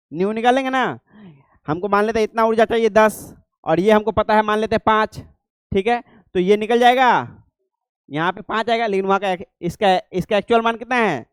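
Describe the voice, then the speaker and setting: High, clear-voiced male teacher lecturing a class. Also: dry recording, clean studio sound. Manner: keeps asking the class checking questions.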